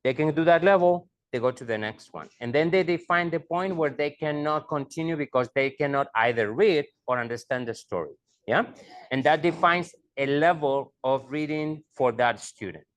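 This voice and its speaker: Speaking unhurriedly in a somewhat high voice, a middle-aged man who leads a school presents to parents, going over his explanations in one language and then the other.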